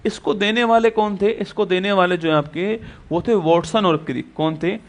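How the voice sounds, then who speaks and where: Male coaching teacher with a high voice, repetitive, quizzing style. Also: moderate pace. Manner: repetitive, quizzes students with rhetorical questions. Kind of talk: exam-prep classroom lecture.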